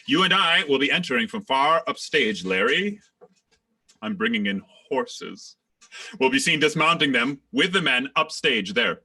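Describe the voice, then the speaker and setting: A man's voice: medium pitch, sing-song, measured pace, pushed and bright, breathy edge. A man playing a theatre actor-manager who explains staging and pronunciation with assured theatricality. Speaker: actor-manager directing a rehearsal. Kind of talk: radio drama acting.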